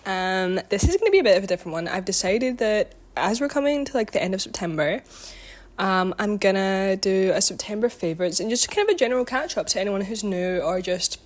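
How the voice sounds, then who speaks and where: A woman's voice: medium pitch, expressive, brisk. A twenty-year-old woman chatting casually to her viewers, rambling with lots of ums and likes and correcting herself as she goes. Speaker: vlogger and student. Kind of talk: casual chatty catch-up vlog.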